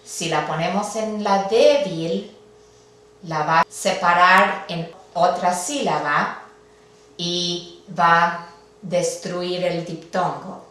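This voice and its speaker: Woman grammar teacher, slow and careful delivery, very reverberant room. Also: on the low side, steady tone, a bit bright. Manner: slow, deliberate, spelling out syllables. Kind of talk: recorded classroom lesson. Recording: very echoey room.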